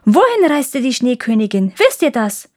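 A woman's voice: sits high, very animated, moderate pace, voice pushed up. A woman voicing a timid frightened little girl. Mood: anxious. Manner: timid, anxious. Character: small frightened girl Gerda.

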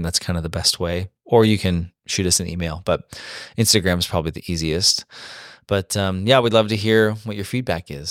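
A man co-hosting a podcast, talking in a relaxed, rambling way. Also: fairly low pitch, no echo, studio quality. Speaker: podcast co-host. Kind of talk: casual chat.

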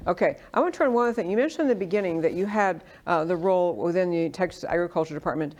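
A woman's voice: on the low side, very fast, a little mellow, highs cut off. A woman from New York hosting a conversational political interview, speaking in an opinionated, discursive way. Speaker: interview host.

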